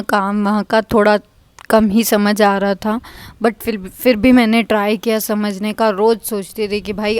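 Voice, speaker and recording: A woman's voice: medium pitch, clear, resonant tone, dry recording. A young woman telling an unscripted, frustrated storytime about her old office job and venting as she goes. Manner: frustrated, venting, quick to quote others. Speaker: vlogger.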